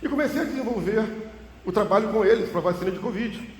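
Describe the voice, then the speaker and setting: A man's voice: lively intonation, fast talker. A man preaching a sermon and telling a personal testimony, emphatic, swinging his voice up and down. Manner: emphatic, swings pitch and volume widely for effect. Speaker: pastor. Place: church hall. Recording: echoey reverberant church hall, faint hum.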